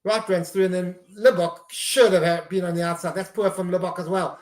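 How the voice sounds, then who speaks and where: A man's voice: high voice, steady tone, fairly quick, reverberant. A man hosting a live stream, giving casual running commentary on a match and reacting to each play.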